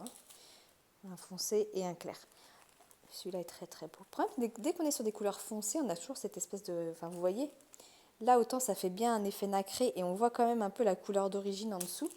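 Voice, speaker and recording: Chatty French-speaking woman, mellow voice. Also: medium pitch. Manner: chatty, thinking aloud, lots of fillers and restarts. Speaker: craft channel host. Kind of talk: casual unboxing commentary.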